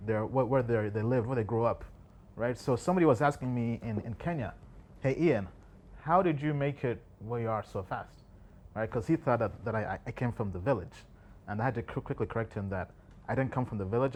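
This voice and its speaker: A man's voice: mid-range voice, a little hiss or hum. A man in his thirties from Uganda, talking casually and reflectively to camera, thinking aloud and often asking "right?". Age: 30s. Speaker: crypto investor and vlog host.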